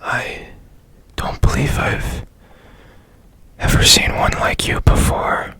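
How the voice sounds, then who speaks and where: In a whispered ASMR roleplay, a man plays an odd, curious repairman who is gently reassuring. He speaks politely and haltingly, slow and hushed, in a breathy whisper.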